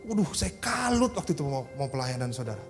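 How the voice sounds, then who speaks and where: A man's voice: medium pitch, sing-song, fast talker, soft background music. A man with an Indonesian accent preaching a sermon as a pastor, telling an emotional personal story and often calling his listeners "saudara.". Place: church service.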